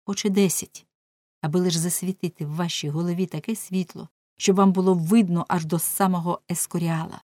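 A bold young jester voiced by a woman reading a storybook warns of doom with urgent, pleading insistence and a mocking edge. The voice is low for a woman and close, with no room around it. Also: steady tone, fairly quick, mellow, dry recording, natural voice. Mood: urging.

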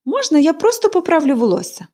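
A woman's voice: extremely high pitch, big pitch swings, fast talker, warm tone, pitched above the performer's own voice. A woman voicing a cheerful, chatty young girl in an audiobook reading, gushing and eager.

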